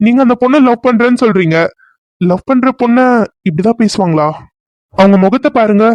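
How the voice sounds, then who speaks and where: A man voicing a calm young male stranger who steps in and reasons patiently, in a cartoon serial. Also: very high voice, no echo.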